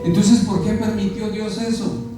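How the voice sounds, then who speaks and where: A man's voice: sits high, little pitch movement, measured pace, over music. A man with a Mexican accent preaching a sermon as pastor, often putting questions to his congregation. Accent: Mexican Spanish. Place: church sanctuary. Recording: echoey church hall from far off.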